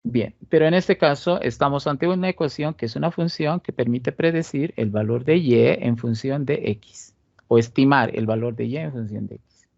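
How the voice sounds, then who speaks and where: A man's voice: medium pitch, normal speed, creaky, a little mellow, no room sound, lo-fi sound. A man with a Cochabamba Bolivian accent giving a recorded statistics lecture, explaining step by step and often checking in with "¿listo?". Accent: Bolivian Spanish (Cochabamba). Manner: explanatory, asks rhetorical questions, frequent "¿listo?" check-ins. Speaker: teacher.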